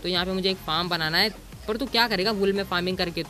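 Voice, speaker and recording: A man's voice: sits high, quick pace, pushed and bright. A man giving casual gameplay commentary as a gaming YouTuber, bossy and teasing, throwing in English exclamations.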